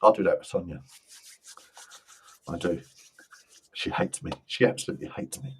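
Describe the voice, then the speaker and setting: Man, low voice, husky, psychic reader, gentle jokey reassurance. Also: moderate pace. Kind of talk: live-stream card readings.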